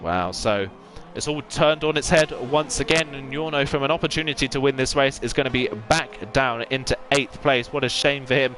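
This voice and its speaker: A man's voice: mid-range voice, normal speed, fairly bright tone. A man giving fluent, detailed live play-by-play commentary as an esports sim racing commentator.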